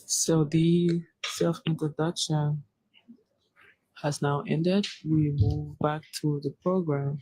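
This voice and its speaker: A man with a fairly high but dark and husky voice announces the program's next step in a slow, flat delivery. The sound is dry and close. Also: no echo, low-quality recording.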